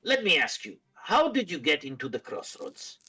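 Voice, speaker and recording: A grand male djinn with a thick, put-on foreign accent, as a man voices him. He speaks far higher than the game master's own voice and swings his pitch widely. His speech is unhurried and courtly. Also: huge pitch swings, sharp tone, husky, exaggerated voice. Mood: smooth, welcoming. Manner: attempted Middle Eastern accent heard as Russian. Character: grand bronze-skinned male djinn host. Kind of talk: tabletop game character voice.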